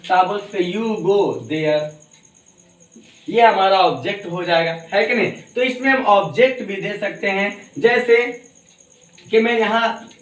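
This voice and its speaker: A high-pitched male teacher talks slowly and patiently, repeating short example sentences one after another as he drills grammar. He sounds set back from the mic, in an echoey room. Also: a bit bright, recorded from a distance. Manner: addresses students fondly as dear children. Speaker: English teacher. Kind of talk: spoken grammar lesson.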